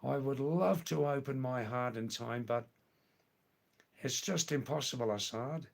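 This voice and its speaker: An older man chats casually with the viewers of his live stream, answering their comments slowly and ramblingly with repeated words. His voice sits in the mid-range and sounds creaky.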